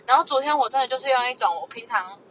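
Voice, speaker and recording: A young woman, her voice high and her words rushing out at great speed. She co-hosts a podcast in a casual, exasperated way, slipping into other people's voices. The audio is dull and lo-fi, with a faint hiss of noise behind it. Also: animated. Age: early 20s. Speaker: podcast co-host. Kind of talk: casual chat, ranting storytelling.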